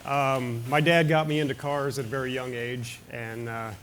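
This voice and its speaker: A man in his thirties from Nebraska speaks as a panel guest, casual and full of small fillers. His voice sits at an ordinary pitch. A faint room hum lies underneath. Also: level tone, moderate pace, a bit bright. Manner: casual, many "uh" and "you know" fillers. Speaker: panel guest, shop owner. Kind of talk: panel discussion. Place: forum room with an audience.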